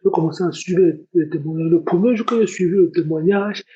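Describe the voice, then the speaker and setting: A man's voice: high-pitched, a little fast, dark tone, highs cut off. A young man giving a spoken religious testimony, earnest and repeating his words often. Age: young adult. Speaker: testimony giver.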